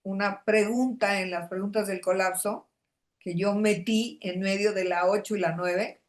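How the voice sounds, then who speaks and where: A woman guiding a therapy session, explaining things deliberately. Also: mid-range voice, steady tone.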